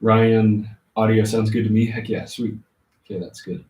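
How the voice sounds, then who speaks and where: A man hosting a casual livestream, answering chat comments informally and thinking aloud in a halting way. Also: fairly low pitch, level tone, darkish tone. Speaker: livestream host. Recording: roomy, muffled, distant laptop-like mic.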